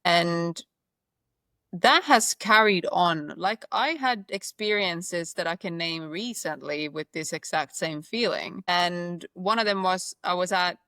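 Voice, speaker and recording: A woman in her forties, born in Spain, co-hosting a podcast and telling personal stories in a candid, animated way. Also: lowish voice, slow, no echo, clean studio sound. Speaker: podcast co-host. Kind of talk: casual chat.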